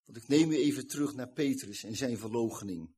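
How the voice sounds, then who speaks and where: Husky-voiced man preaching a sermon. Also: medium pitch, brisk, dark tone. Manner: earnest, retelling scripture with quoted dialogue.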